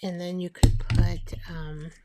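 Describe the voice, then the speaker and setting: A woman chatting casually as she makes a collage, rambling and talking to herself while she glues, her voice soft and sometimes dropping to a whisper. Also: on the low side, level tone, slow, slight background noise. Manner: soft-spoken, drifting into whispers. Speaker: collage artist. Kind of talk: casual crafting narration.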